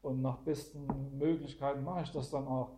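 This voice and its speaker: A man's voice: mid-range voice, fairly even intonation, moderate pace, mellow, slight background noise. A man teaching the Bible to a small group, explaining verses one by one and often adding "gell?" to check that listeners follow. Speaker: preacher.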